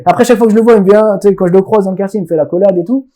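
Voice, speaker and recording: A man from France telling stories as a podcast guest in a casual, animated way, often restarting phrases and acting out dialogue. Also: sits high, racing, crowd noise. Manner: animated, many restarts, acts out quoted dialogue. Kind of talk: casual conversational storytelling.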